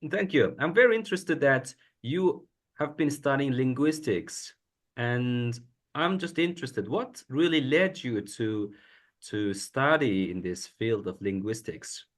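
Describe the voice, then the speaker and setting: A man's voice: mid-range voice, lively intonation, unhurried. A man hosting a podcast interview, introducing his guest hesitantly with frequent fillers. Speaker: podcast host. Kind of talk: casual interview.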